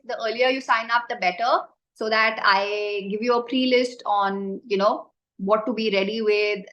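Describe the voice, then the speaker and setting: A woman's voice: on the high side, a bit bright. A woman with an Indian accent informally teaching a live online baking class and chattily answering questions from the group. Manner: informal, chatty explaining, often addressing the group. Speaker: baking instructor. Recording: roomy, echoing sound.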